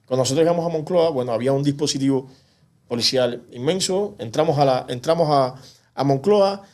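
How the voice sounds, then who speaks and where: A Cuban activist appears as a guest in an animated TV interview, speaking passionately and indignantly in rapid bursts. His male voice is mid-range with a darkish tone.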